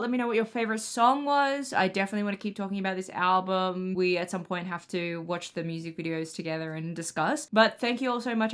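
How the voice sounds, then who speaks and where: An excitable young woman with an English accent talks through a music reaction in a casual, chatty way, laughing often and stretching words for emphasis. Her voice sits at an ordinary middle pitch. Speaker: music reaction channel host.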